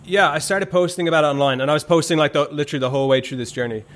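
A man, a podcast guest telling his story in a relaxed, rambling way with many fillers. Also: a little high, rapid-fire. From Ireland. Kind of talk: casual conversational storytelling.

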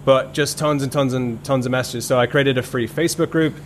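A man, a podcast guest telling his story in a relaxed, rambling way with many fillers. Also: mid-range voice, fairly quick, slight background noise. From Ireland. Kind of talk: casual conversational storytelling.

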